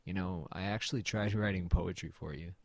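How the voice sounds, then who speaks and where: In a first-person audio drama, a man voices a haunted, worn-out character telling his own horror tale through narration and dialogue. His low voice is fairly even and fairly quick with vocal fry, the mood somber and resigned, and there's slight background noise.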